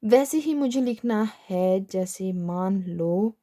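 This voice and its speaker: A woman's voice: mid-range voice, lively intonation, takes it slowly, warm tone. A young woman teaching shorthand step by step, patiently asking questions and then answering them herself. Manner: patient, repeats "ठीक है" and asks herself questions. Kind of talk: step-by-step classroom explanation.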